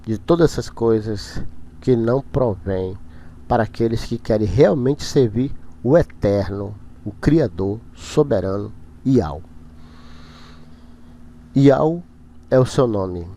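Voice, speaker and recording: Slow, halting male preacher, dark tone. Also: mid-range voice, slight background noise. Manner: slow, halting delivery with repeated words and emphatic bursts. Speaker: religious channel host. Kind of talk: preachy monologue to camera.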